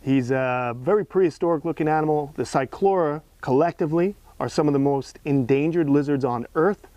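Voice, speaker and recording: This man's voice sits a little high, with a dark tone and a fairly quick pace, captured in a dry recording. Acting as an enthusiastic keeper and host, he gives an outdoor educational animal tour among the enclosures, speaking casually, emphatically and admiringly.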